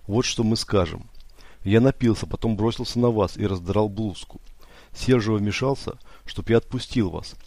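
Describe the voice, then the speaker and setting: A man voicing a calm, cool-headed, ironic young man in an audiobook, speaking quietly and composed. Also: fairly low pitch, moderate pace, dry recording.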